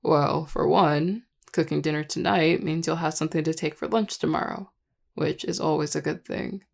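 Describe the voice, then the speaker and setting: A performer voicing a charming, affectionate vampire lover in an intimate audio role-play, teasing and tender in a relaxed, gravelly voice. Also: medium pitch, normal speed. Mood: tender, reflective. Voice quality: gravelly, heavy vocal fry. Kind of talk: intimate audio role-play, one-sided dialogue to listener.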